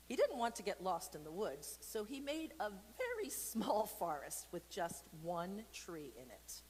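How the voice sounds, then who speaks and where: At an informal church storytime for children, a playful, extroverted woman chats in rambling, self-deprecating asides. Her voice sits at a medium pitch, and the recording is poor, with noticeable background noise.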